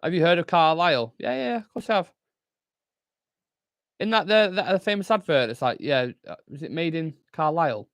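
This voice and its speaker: A man's voice: fairly high pitch, lively intonation, a little fast, a bit bright, no echo. Brief: young man, fan-channel host, loose sweary live chat, dry close-mic sound. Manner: casual, chatty, swears freely, reads chat aloud. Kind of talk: live football watchalong chat.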